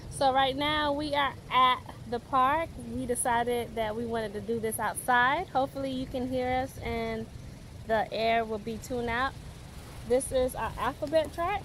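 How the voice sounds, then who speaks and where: Out in a park, a young mother vlogs casually and gives her toddler a simple lesson, coaxing with sing-song prompts. Her high voice is unhurried and fairly bright. Outdoor ambient noise runs through the recording.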